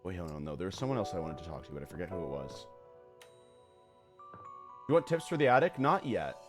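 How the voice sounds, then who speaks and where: Animated man doing game commentary. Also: sits low, fast, over music. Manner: animated, reactive, jokey. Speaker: gameplay streamer.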